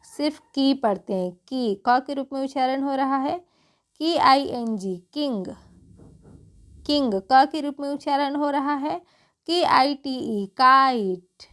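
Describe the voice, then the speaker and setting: A woman with a Hindi accent teaches English phonics to beginners in a high, slow, slightly bright voice. She spells each word out letter by letter and answers her own questions.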